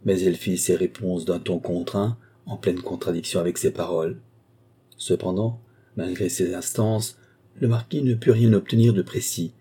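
A man reading a novel aloud as an audiobook narrator, in a measured, steady way. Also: sits low, breathy edge. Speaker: audiobook reader. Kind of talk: scripted narration.

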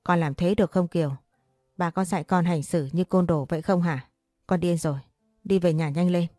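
An angry middle-aged father scolding his child in a read-aloud story, voiced by a woman narrator. The voice is low and mellow, recorded dry with faint music under it. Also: fairly even intonation, normal speed, no room sound, lightly acted.

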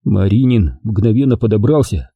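Male audiobook narrator, expressive reading, lively pitch, dry close sound. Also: moderate pace, husky, no room sound, phone-quality sound. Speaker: audiobook reader. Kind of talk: scripted narration.

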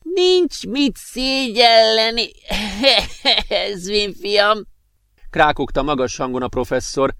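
A man doing a high croaky tipsy old professor. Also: animated, sharp tone, no echo, clean studio sound, full character voice. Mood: tipsy, jolly. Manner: slow, drawn-out, giggly.

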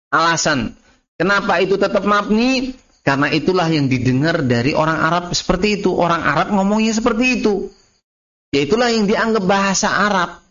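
A slightly high, fairly bright male voice with an Indonesian accent belongs to a religious teacher running a relaxed Arabic grammar class. He goes over terms repeatedly, explaining them and calling his students "Mas" and "antum," and the class recording is muffled and lo-fi.

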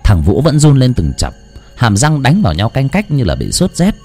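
Guy telling a spooky ghost story, lively swooping voice, faint music behind. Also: medium pitch, moderate pace, husky. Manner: dramatic, suspenseful.

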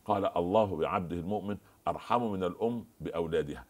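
A man's voice: low voice, quick pace, darkish tone. A man as the scholar guest on a TV religious discussion, preaching and quoting scripture and stories.

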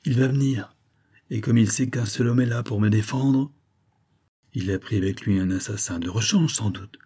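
A man's voice: on the low side, moderate pace, mellow, slightly rough. A man voicing an impassioned young noblewoman bent on revenge in an audiobook, speaking in a raised, declamatory way. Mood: determined. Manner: intense, declamatory, pleading.

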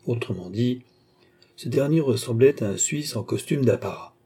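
A man reading a classic novel aloud in measured scripted narration, lifting his pitch for the characters' lines. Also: expressive, warm tone, a little hiss or hum. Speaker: audiobook reader.

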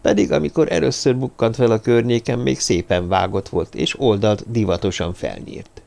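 A man reading a novel aloud as an audiobook narrator, in a measured storytelling style. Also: mid-range voice, gravelly, a little mellow. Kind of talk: scripted narration.

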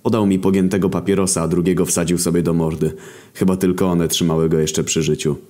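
A man narrates a story in a deadpan, crude voice. His tone is very deep and low. He reads from a script at an even, unhurried pace.

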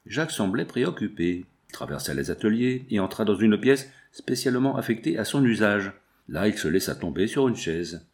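Low-voiced man reading a novel aloud. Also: big pitch swings, moderate pace. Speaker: audiobook narrator. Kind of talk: scripted narration.

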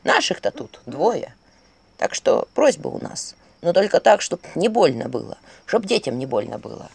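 A tired, guilt-ridden peasant ghoul, played by the storyteller, confessing with heavy sighs. His gravelly voice dips low and rises again in a lively pattern, like a fireside tale. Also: normal speed, dry recording, heavily acted. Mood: pleading. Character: weary peasant man turned ghoul, remorseful.

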